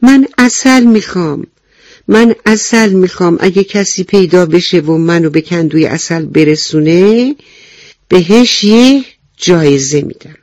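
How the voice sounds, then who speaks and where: A woman voicing an eager, greedy little ant in a children's radio story, in a high, excited voice that calls out. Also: dry recording, natural voice.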